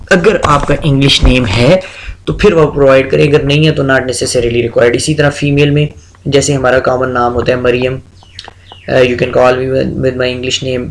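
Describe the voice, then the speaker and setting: A man, an English teacher explaining speaking-test tips with steady examples. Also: medium pitch, low-quality recording. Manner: switches between Urdu and English, steady and explanatory. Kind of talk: lecture with many examples.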